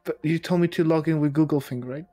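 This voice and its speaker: A woman's voice: sits low, steady tone, quick pace, mellow, faint music behind. A woman from China streaming a game, chatting casually and giggling apologetically. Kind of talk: casual chat while gaming.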